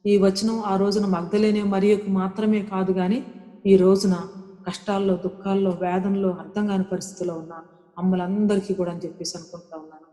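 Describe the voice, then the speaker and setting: A woman's voice: mid-range voice, level tone, brisk, dark tone. A woman preaching a sermon in an earnest way, repeating key phrases and slipping English words into her talk. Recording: echoey hall with long reverb.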